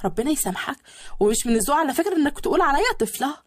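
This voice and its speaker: A woman's voice: high voice, animated, no echo, studio quality. Woman doing a whiny childish young bride. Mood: pouty defiant. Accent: Egyptian Arabic. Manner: whiny, pouty, quick retorts.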